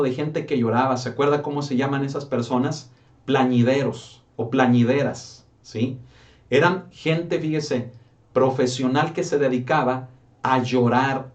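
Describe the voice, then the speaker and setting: A man's voice: mid-range voice, recorded from a distance. A man preaching a sermon as pastor, asking rhetorical questions and often calling his listeners brother.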